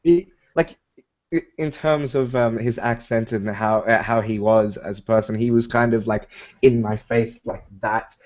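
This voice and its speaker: A hesitant man tells a story on a podcast over a video call, stumbling through ums and restarts and laughing often. His voice sits at a middle pitch. The call audio is dull and lo-fi. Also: fairly even intonation, unhurried, a little mellow. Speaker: podcast co-host.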